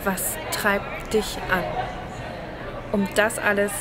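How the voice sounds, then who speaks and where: A woman's voice: medium pitch, little pitch movement, slow. A woman, a psychologist, recording a short video question in a busy public place. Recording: noisy indoor public space, loud crowd. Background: loud crowd in a public indoor space.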